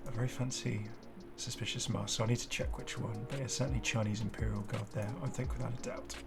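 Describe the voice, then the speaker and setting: Speaking quickly in a creaky, medium-pitched voice with little melodic movement, a man hosts a gaming video. His casual game showcase commentary is chatty and enthusiastic, wandering into rambling asides while music plays underneath.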